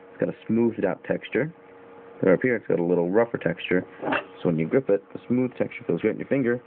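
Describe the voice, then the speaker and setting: A man's voice: lowish voice, vocal fry. A young man reviewing a knife on camera in casual, rambling talk with fillers and the odd swear word. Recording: tinny phone-like audio with faint hiss.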